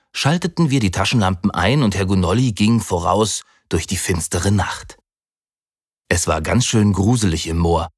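A man reading a children's story aloud in an expressive, dramatic way. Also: lowish voice, breathy edge, no room sound, studio quality.

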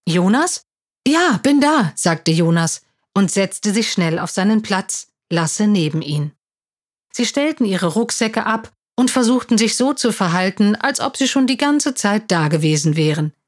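A woman's voice: mid-range voice, animated, a little slow. Woman reading a children's story aloud.

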